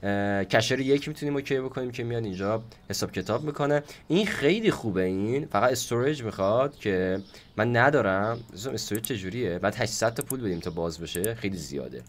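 A man with a hoarse, slightly low voice gives playful gameplay commentary. His pitch swings widely as he chats away to his viewers while he plays. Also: lively intonation. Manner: playful, chatty, talks to viewers while playing. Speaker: gaming YouTuber host.

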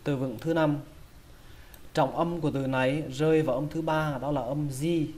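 A man's voice: on the high side, steady tone, darkish tone. Vietnamese man teaching English pronunciation. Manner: slow, repeats each word several times. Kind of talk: pronunciation lesson.

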